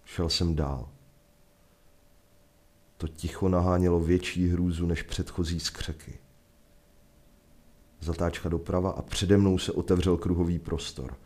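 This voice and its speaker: A Czech man telling a first-person adventure story in a measured, vivid narration. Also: deep voice, level tone, darkish tone. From Czech Republic.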